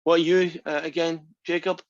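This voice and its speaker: This online math teacher, a man in his sixties, speaks at a moderate pace in a level tone and a voice that runs a bit high. He's friendly and conversational, often tossing in "right?" to check on the class. His computer mic on the video call produces dry, dull lo-fi audio.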